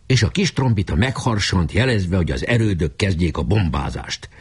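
A man narrating a story aloud in an expressive storytelling manner. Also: deep voice, slightly rough. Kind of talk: audiobook narration.

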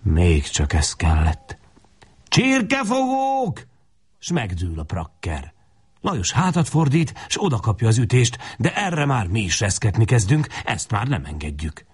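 Husky, expressive male storyteller. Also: lowish voice. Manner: expressive, dropping to hushed tones in intimate passages. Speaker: narrator. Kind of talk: dramatic audiobook reading.

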